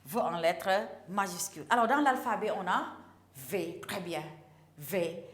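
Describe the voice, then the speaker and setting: Slow teacher in echoey classroom. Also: female voice, on the low side, lively intonation. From Senegal. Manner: slow, drawn-out, repeating words for young pupils. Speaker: primary school teacher.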